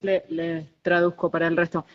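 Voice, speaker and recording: Someone translating on a webinar call, flat and quick, muffled audio. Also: medium pitch. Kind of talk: interpreting in a webinar.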